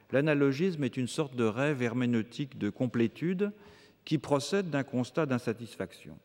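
A man giving a formal academic lecture, reading long measured sentences with occasional hesitant fillers, before an audience in a lecture hall. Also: mid-range voice, darkish tone.

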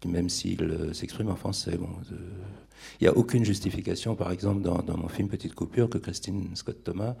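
Low gravelly guy, husky, hesitating a lot on a film panel. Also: fairly quick, mellow. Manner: hesitant, many fillers. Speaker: filmmaker guest. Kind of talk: panel discussion.

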